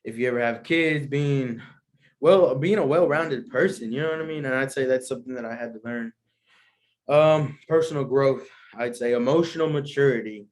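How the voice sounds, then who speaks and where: A man's voice: mid-range voice, normal speed. A young man hosting a solo show, chatting casually as he answers questions, rambling and slangy with lots of asides. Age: young adult. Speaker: podcast host.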